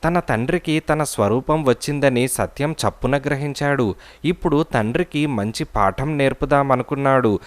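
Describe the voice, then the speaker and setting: A man narrates a storybook audiobook at a middling male pitch. His delivery is measured, with the steady pace of scripted storytelling.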